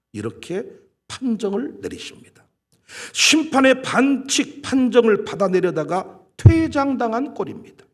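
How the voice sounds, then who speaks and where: A male senior pastor preaching a sermon in an animated, emphatic way, acting out scenes as he goes. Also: high-pitched. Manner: animated, emphatic, dramatizes with quoted voices.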